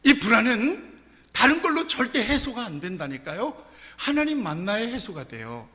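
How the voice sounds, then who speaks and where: High, lively preaching man in echoing church. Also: moderate pace. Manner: animated preaching with rhetorical questions and personal stories. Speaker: pastor. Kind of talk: sermon. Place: church sanctuary. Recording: long church hall reverb.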